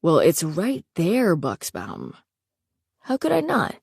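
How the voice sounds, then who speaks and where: A woman voicing a teasing young man with a deep, gravelly voice and dry sarcasm. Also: wildly swooping pitch, slow pace, dry recording, full character voice.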